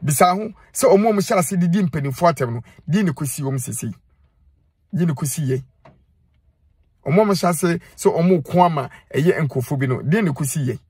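In this direct-to-camera advice monologue, a middle-aged Ghanaian man talks in Twi from inside a car, phone held close. His fairly high, expressive voice is slightly mellow and husky at a normal pace, and the sound is clean and studio-like with no room tone; he scolds earnestly, restating lines for emphasis.

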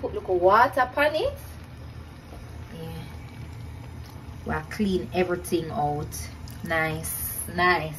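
A woman's voice: lowish voice, takes it slowly, long pauses, noisy background. A young woman with a Jamaican accent chatting casually as she cooks in her home kitchen, repeating herself and laughing at her own efforts. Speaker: cooking vlogger. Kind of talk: casual cook-along chat.

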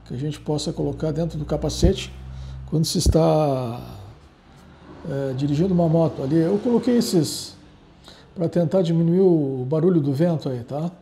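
Indoors at a table, this channel host walks through a casual tutorial while filming objects and his laptop screen. His voice is a little high and warm at a moderate pace, his speech is rambling and packed with filler tags, and slight background noise can be heard.

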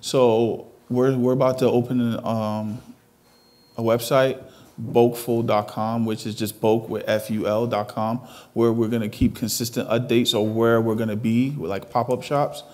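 This interview guest, a thirtysomething fashion designer born in Ghana who moved abroad at thirteen, responds in an earnest, conversational, matter-of-fact manner. His mid-range voice is flat and darkish, at a moderate pace. The setting is an indoor television studio, recorded with a lapel mic.

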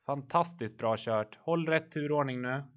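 A man's voice: medium pitch, highs cut off. A man coaching his team live over voice chat during a virtual bike race, encouraging riders and calling out watts and turns.

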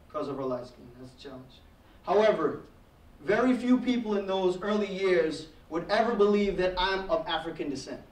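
Speaking in a high-pitched voice with a darkish tone, a Trinidadian man in his thirties recounts his life story as a guest speaker at a classroom heritage month event. He tells it reflectively, gesturing, with rising intensity. Standing away from the podium mic near a projector screen, he sounds echoey and far off.

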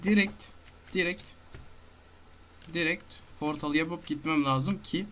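A man giving casual commentary on his own gameplay, talking to himself and breaking into frantic shouting and rapid repeated words. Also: on the high side, slight background noise. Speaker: gamer.

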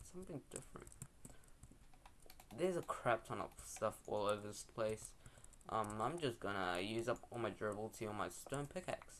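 A man's voice: lowish voice, a bit bright, a little hiss or hum. A young man giving casual, rambling, slangy gameplay commentary as a video host.

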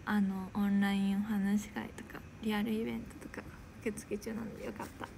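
A woman's voice: medium pitch, flat delivery, fairly quick, vocal fry, noisy background. A young woman with a Kansai accent, chatting casually and animatedly on a livestream and laughing often. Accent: Kansai Japanese. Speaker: idol streamer.

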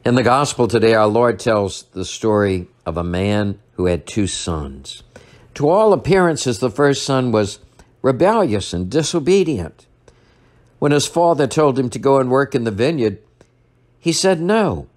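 An older priest stands at a church lectern giving a sermon, his voice on the low side and somewhat dark in tone. He retells a story in a measured way, slowing down when he wants to emphasize a point.

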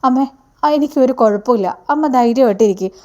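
A woman's voice: fairly high pitch, fast, darkish tone, close to an everyday voice. An anxious young daughter, earnest and pleading in a slightly raised voice, as a woman narrator puts her on. She sounds close and worried.

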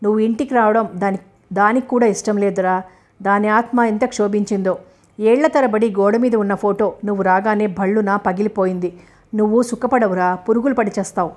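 A woman's voice: mid-range voice, steady tone, brisk, a little mellow, natural voice. A woman voicing an angry grieving old father. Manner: scolding, cursing.

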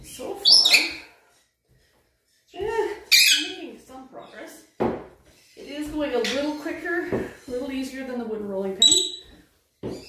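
A woman's voice: sits high, very animated, takes it slowly, pauses often. Chatty middle-aged woman vlogging from across a room. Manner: chatty, thinks aloud while working. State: winded after a workout. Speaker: home vlogger. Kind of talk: casual running commentary. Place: home kitchen and dining room. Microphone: phone camera set across the room. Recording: roomy, distant phone audio with background noise.

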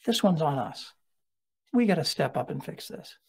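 A middle-aged man giving a keynote talk, telling stories with lively conversational asides. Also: fairly high pitch, moderate pace, gravelly, breathy edge. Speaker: keynote speaker.

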